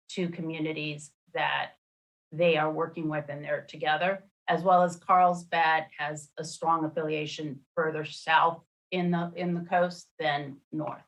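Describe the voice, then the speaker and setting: A woman commissioner explaining a map proposal at a public meeting over a video call, halting with many fillers and restarts. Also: deep voice, low-quality recording. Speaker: redistricting commissioner.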